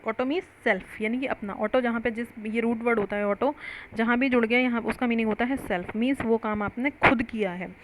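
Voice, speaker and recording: A young woman with an Indian accent teaching vocabulary, slowly explaining words and asking her students questions before answering them herself. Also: a little high, fairly bright tone, slight background noise, low-quality recording. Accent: Indian English. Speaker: English teacher. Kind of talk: Hindi-English vocabulary lesson.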